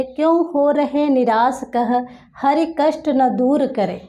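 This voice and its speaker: A woman teaching a grammar lesson for exam preparation, explaining each quoted line slowly and word by word. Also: sits high, dark tone.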